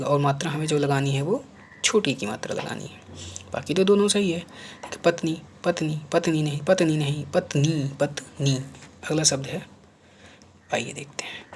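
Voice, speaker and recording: A man's voice: a little high, slight background noise. A man teaching a spelling lesson for an exam, saying each word over and over and asking and answering his own questions, sometimes dropping to a murmur while he writes. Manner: repeats each word several times, asks and answers himself; drops to murmurs while writing on screen.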